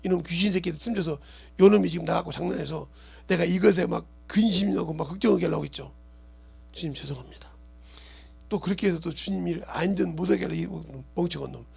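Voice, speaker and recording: A middle-aged man, a pastor, preaching a sermon that swings between loud shouting and quiet murmuring and often asks the congregation questions. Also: high-pitched, fast, gravelly, breathy edge.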